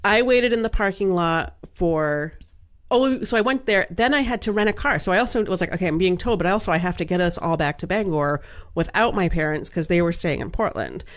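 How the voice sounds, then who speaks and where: A woman's voice: fairly low pitch, brisk. A woman co-hosting a podcast, chatting casually and retelling a story with lots of quoted back-and-forth. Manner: chatty, animated retelling with quoted dialogue and frequent "like". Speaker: podcast co-host.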